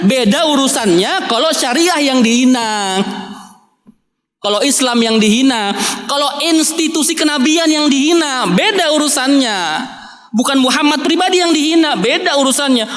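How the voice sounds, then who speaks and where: A man's voice: extremely high pitch, fairly bright tone. A man preaching in a mosque, telling his story casually with slang and jokes. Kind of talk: sermon. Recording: echoey mosque hall with long reverb.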